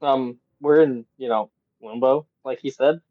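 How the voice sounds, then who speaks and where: A man's voice: medium pitch, a little slow, dry recording. Male player on a dull dry mic. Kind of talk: casual game chat.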